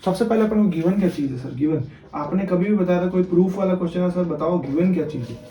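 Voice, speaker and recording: A man's voice: sits high, quick pace, dark tone. A young man from India teaching math in a casual, chatty way, often checking in with his students. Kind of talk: casual classroom lecture. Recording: echoey room.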